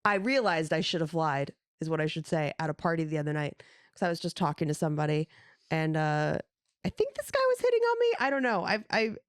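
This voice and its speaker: A woman's voice: sits low, sing-song, a little fast, clear, resonant tone, no room sound. Woman, forties, podcast co-host, storyteller who acts out dialogue, dry studio sound. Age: 40s. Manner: chatty storyteller acting out dialogue. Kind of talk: casual chat.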